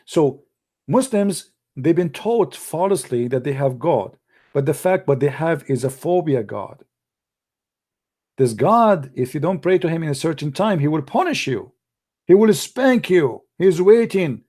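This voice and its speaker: A man delivering an animated, sarcastic ranting monologue in broken English grammar, often breaking into mocking laughter. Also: fairly high pitch, a little slow. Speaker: online commentator.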